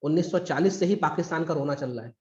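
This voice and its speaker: Guy teaching history online, kinda high voice, chatty and punchy, dull echoey call audio. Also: fast, darkish tone. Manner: conversational and emphatic, acts out quotes. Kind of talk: live online exam-prep history lecture. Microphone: recorded through a video call.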